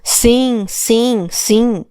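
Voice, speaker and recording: A woman's voice: a little high, drawn-out words, warm tone, clear, resonant tone, dry recording, voice pushed up. A woman reading an audiobook, voicing an old immigrant father who answers in short, hesitant words. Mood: subdued. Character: old Portuguese immigrant father, ashamed, timid. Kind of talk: audiobook character voice.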